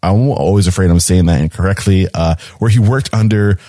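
A man's voice: low voice, a little fast, warm tone, no room sound, clean studio sound. A man from New Hampshire hosting a casual interview podcast, upbeat and chatty, with frequent fillers and restarts. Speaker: podcast host.

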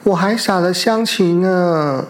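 Storyteller doing a little weasel, touchy and hungry, slow. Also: mid-range voice, natural voice. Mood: indignant. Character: small hungry male weasel, touchy and quick to argue.

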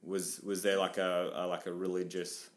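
A podcast host from northern New South Wales, Australia, with an Australian accent, runs a casual interview, asking rambling questions packed with fillers. His voice is deep and his delivery flat, at a moderate pace.

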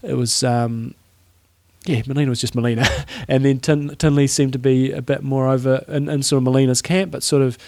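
A man's voice: medium pitch, flat delivery, fairly quick, creaky, a little mellow, no echo. A man with a New Zealand accent chatting casually as a podcast co-host, with dry, grumbling humour. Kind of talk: casual chat.

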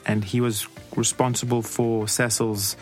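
A man speaking informally and a little haltingly as a podcast host and interviewer. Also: medium pitch, flat delivery, faint music behind. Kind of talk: casual podcast talk. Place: podcast studio.

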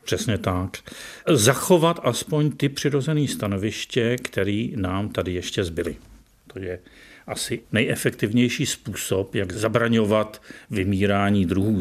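A man with a very low, deep voice speaks as a professor being interviewed on the radio. He talks in a measured way, pausing often with hesitant fillers as he lays out his view. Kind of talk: radio interview, opinionated explanation.

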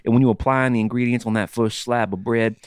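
A man co-hosting a podcast in casual comedic banter, deadpan and mock-formal in his phrasing. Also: medium pitch, fast, clear, resonant tone, dry recording, studio quality. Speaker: podcast co-host.

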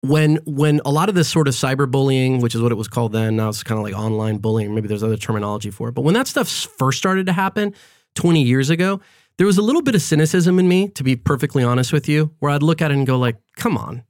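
A man's voice: medium pitch, fast talker, a little mellow, dry recording, studio quality. A man in his forties, raised in Florida, talking reflectively in a casual podcast conversation, often checking in with "right?" and "you know". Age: 40s.

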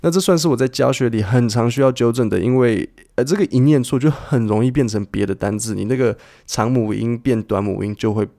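A man with a Taiwanese Mandarin accent hosting a podcast pronunciation lesson, casually explaining and demonstrating sounds with slow, stretched repetitions. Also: mid-range voice, gravelly, warm tone. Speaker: podcast host teaching English pronunciation.

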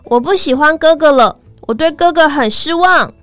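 A woman voicing a small first-grade boy who is hurt and indignant, speaking in a high, shrill, tearful voice in a children's storybook. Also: normal speed, fairly bright tone, soft background music. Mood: disappointed.

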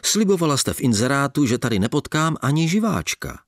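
A man's voice: medium pitch, sing-song, dry recording, studio quality, voice pushed up. A man reading the part of an irritated young shop clerk who speaks sharply and sarcastically. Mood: sarcastic.

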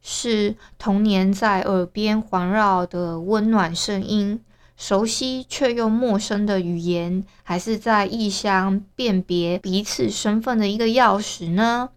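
Clear-voiced Taiwanese woman hosting a podcast. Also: mid-range voice, slow pace. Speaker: podcast host. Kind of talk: casual solo podcast talk.

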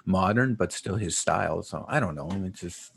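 A man in his late forties on a video call, his voice gravelly and a little husky. He swings his pitch around a lot, acting out bits of dialogue and slipping in Spanish words as he talks. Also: moderate pace. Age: 40s. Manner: animated storyteller, acts out quotes, drops Spanish words. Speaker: podcast co-host. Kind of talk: casual chat.

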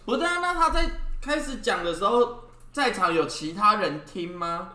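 A man's voice: high voice, expressive, moderate pace, bright, forceful tone, roomy sound. A man co-hosting a casual podcast chat, teasing and laughing often. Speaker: podcast co-host.

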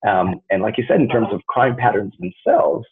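A man's voice: medium pitch, big pitch swings, normal speed, vocal fry, husky. A man hosting a casual conversation, earnest and full of fillers and hedges. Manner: earnest, hedging with many fillers. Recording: tinny phone-like line.

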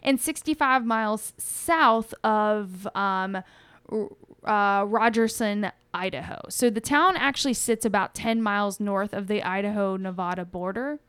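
Her voice sits at medium pitch, a bit bright and smooth, and she never hurries. As a podcast co-host, she tells a chatty, rambling story and keeps correcting herself, with no echo in the recording.

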